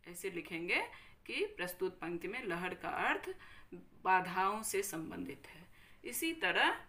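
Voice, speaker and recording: A woman teacher with a Bihari Hindi accent giving a recorded grammar lesson, slowly repeating each word and checking in with her students. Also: medium pitch, sharp tone. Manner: slow, careful, repeats each word and checks with "thik hai".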